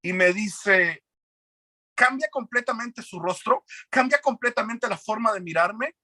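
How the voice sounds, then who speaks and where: A man with a high, bright voice tells his personal testimony as a guest, earnest and serious. He acts out the lines of the people in his story. The sound is dry and close, with no room echo. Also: a little slow. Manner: earnest, retells events with quoted dialogue.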